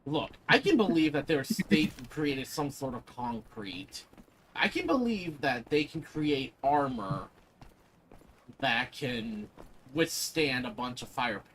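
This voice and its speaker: A man's voice: medium pitch, sing-song, slow pace, a bit bright, slight background noise, poor audio. A man giving casual, opinionated commentary while gaming, speaking emphatically and swearing freely. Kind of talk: casual chat over gameplay.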